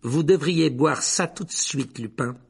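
A man's voice: on the high side, measured pace, gravelly, breathy edge, pitched above the performer's own voice, full character voice. Rogue, a man voicing a cold, curt teacher. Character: cold, suspicious adult male teacher.

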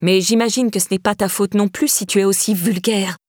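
A woman's voice: medium pitch, fairly even intonation, brisk, no echo, studio quality, natural voice. A woman voicing a scornful, hard-faced stepmother who sneers and needles. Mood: contemptuous.

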